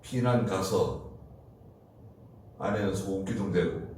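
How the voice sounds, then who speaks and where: Slow, low-voiced pastor in an echoey church. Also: male voice, a little mellow. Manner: slow, deliberate preaching with rhetorical questions. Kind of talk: early-morning sermon. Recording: roomy, distant mic with faint noise.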